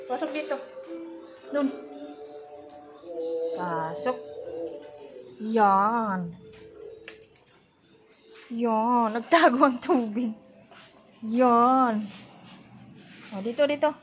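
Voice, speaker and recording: A woman's voice: a little high, extremely slow, long pauses, soft background music. A woman vlogger talking to her pet dogs in a playful, coaxing baby-talk voice. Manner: coaxing, playful sing-song calls to dogs. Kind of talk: casual baby talk to pets.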